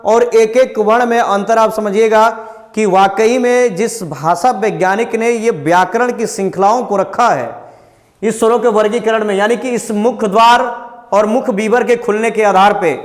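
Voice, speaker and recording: Male coaching teacher, high voice, classroom drill delivery, long room reverb. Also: normal speed. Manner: asks questions and answers them himself, drills vowels aloud. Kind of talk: classroom lesson on vowel pronunciation.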